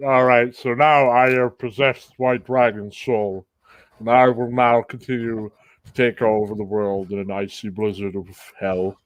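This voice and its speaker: A man voicing a boastful male dragon conqueror in a slowed, lowered, grandiose tone. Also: little pitch movement, dry recording, lightly acted. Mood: gloating.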